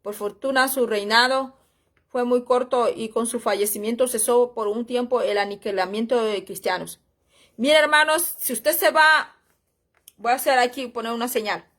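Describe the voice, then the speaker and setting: High-voiced woman teaching. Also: normal speed, a bit bright. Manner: chatty and rambling, often calls the listeners brothers and sisters. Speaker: Bible teacher. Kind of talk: informal church history lesson, reading aloud and commenting.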